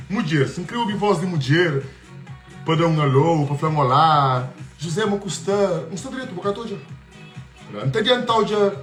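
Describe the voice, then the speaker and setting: Man, high voice, swings up and down a lot, boastful, mixes in French, casual live stream. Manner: boastful, switches between Portuguese and French. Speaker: livestreamer. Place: at home. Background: faint music.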